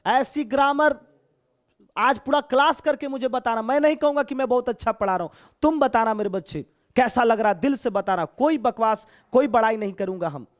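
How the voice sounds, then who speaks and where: A man's voice: extremely high pitch, brisk. A man from Bihar teaching English in a live online class, speaking Hindi with a Bihari accent, chatty and joking as he coaxes his students. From Bihar, India.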